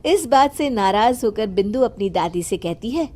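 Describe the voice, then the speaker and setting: A woman reading scripted narration for an animated family drama. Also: mid-range voice, normal speed.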